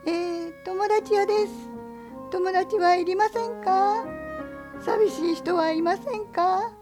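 A woman's voice: very high voice, fairly even intonation, slow pace, a little mellow, soft background music, pitched above the performer's own voice. A woman voicing a fawning fox peddler. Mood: hawking. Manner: sing-song street-vendor calling, eager to please. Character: fawning male fox peddler hawking friendship. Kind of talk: picture-book read-aloud.

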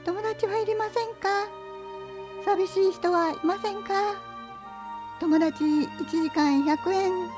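A woman's voice: very high voice, steady tone, slow, over music, pitched above the performer's own voice. A woman voicing a fawning fox peddler. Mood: hawking. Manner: sing-song street-vendor calling, eager to please. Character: fawning male fox peddler hawking friendship. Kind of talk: picture-book read-aloud.

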